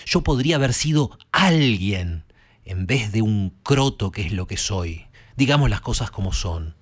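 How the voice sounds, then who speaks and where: A man's voice: on the low side, expressive, unhurried, breathy edge, no room sound. A man with an Argentine accent voicing a bitter, washed-up young boxer who reproaches his brother. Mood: anguished. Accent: Argentine Spanish. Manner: hurt, accusing, rising to outburst.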